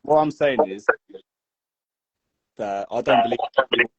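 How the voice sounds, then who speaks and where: A man on an online group call, thinking aloud in slow, musing sentences, heard through corrupted, glitchy audio that keeps cutting out. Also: mid-range voice, dull audio, over a noisy crowd. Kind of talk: casual group discussion.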